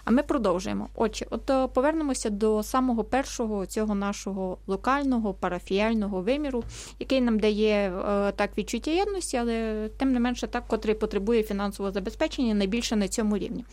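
A woman hosting a radio call-in show, clearly reading phone numbers and asking a guest long questions. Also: medium pitch, fast, darkish tone. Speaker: radio host.

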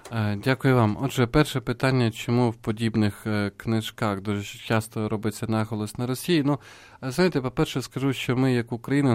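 Calm priest explaining on radio. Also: male voice, medium pitch, no echo. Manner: calm, explanatory, with many fillers. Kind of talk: radio talk with catechesis. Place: radio studio. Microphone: studio mic.

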